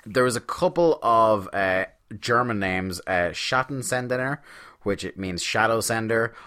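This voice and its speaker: A man's voice: on the low side, measured pace, pushed and bright, clear, resonant tone. A man co-hosting a casual podcast chat, laughing often and trailing off with fillers. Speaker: podcast co-host.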